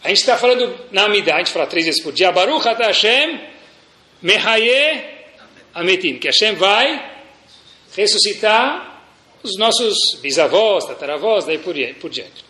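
A man's voice: high-pitched, moderate pace. A man giving a religious lecture as a rabbi, telling anecdotes and speaking straight to his audience. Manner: animated, anecdotal, addresses audience directly. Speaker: rabbi teaching a Torah class. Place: room with a seated audience. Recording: echoey room.

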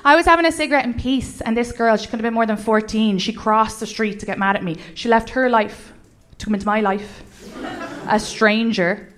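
A young woman with an Irish accent doing a stand-up comedy set, wry and deadpan with mock-outraged asides. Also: fairly high pitch, a little fast. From Ireland. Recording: live club set with audience noise.

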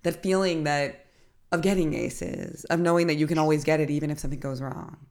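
A woman hosting a podcast, husky from a cold, asking questions in a joking, casual way. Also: low-pitched, fairly even intonation, fairly quick, a little mellow. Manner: joking, asks questions, laughs at own jokes. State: sick with a cold, voice gone husky. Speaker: podcast host.

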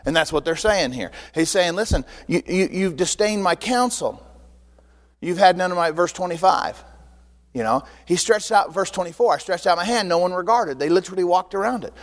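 A man preaching a sermon as pastor, in an animated, conversational way full of rhetorical questions. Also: sits high, moderate pace. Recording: long hall reverb.

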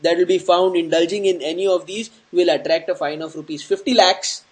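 A man's voice: sits high, steady tone, a little fast. A man with an Indian accent hosts a casual news discussion, explaining informally and jokily while slipping between English and Hindi. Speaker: host of an online news discussion show.

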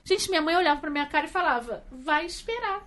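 A woman's voice: high voice, very fast, fairly bright tone. A Brazilian woman co-hosting a podcast, talking in a reflective, agreeable way. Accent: Brazilian Portuguese. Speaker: podcast co-host. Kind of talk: casual chat.

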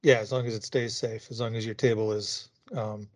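A man on a casual podcast speaking in a measured, thoughtful, articulate way. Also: on the low side, level tone.

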